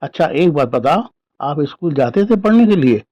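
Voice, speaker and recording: A man voicing a kind young working woman who talks gently and coaxingly to a lost child. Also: a little high, very animated, normal speed, highs cut off. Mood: playful.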